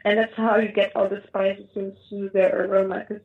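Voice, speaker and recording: A woman with a North African accent answering interview questions in a conversational, explanatory way, often pausing and repeating words as she thinks. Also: medium pitch, level tone, creaky. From Morocco. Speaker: interview guest, Moroccan food cook. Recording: thin, phone-like call audio.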